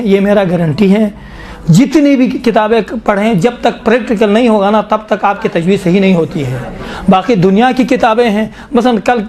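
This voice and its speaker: A middle-aged man teaching a class on Quran recitation. He explains step by step and slowly recites and repeats verses to show how they are said. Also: high voice, a little mellow. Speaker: tajweed teacher.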